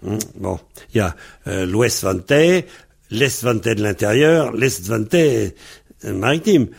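This Breton language teacher has a fairly low, slightly rough voice with vocal fry, speaking at a measured pace yet animated. He patiently works through pronunciation, spelling words letter by letter and contrasting dialect forms.

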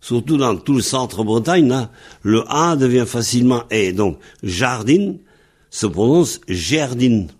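A man's voice: medium pitch, lively intonation, unhurried, a little mellow. A man teaching Breton on a radio lesson, patiently repeating and spelling out word forms.

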